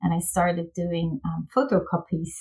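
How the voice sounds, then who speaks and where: A woman's voice: on the low side, a little slow, a little mellow, rough recording. Chatty Belgian woman, guest on a podcast. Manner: chatty, laughs often, searches for words. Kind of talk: casual interview.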